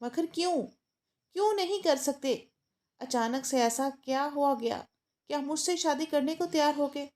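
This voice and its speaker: A woman's voice: sits high, moderate pace, darkish tone, natural voice. A woman voicing a sulky, childlike young bride who talks in a petulant, whiny way. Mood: pleading.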